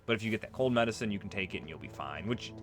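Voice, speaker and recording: With game music in the background, a let's player talks rapid-fire in a lowish, expressive voice. His commentary is casual and rambling, full of explanations and tangents.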